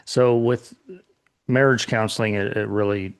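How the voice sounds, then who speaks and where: A middle-aged man co-hosting a casual chat, talking slowly and thoughtfully with many restarts. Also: lowish voice, fairly even intonation, smooth, no echo, clean studio sound. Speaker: podcast co-host.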